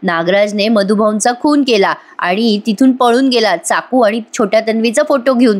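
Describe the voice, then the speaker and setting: A chatty woman recaps a TV serial episode, speaking straight to her viewers and slipping in wry asides. Her voice sits fairly high.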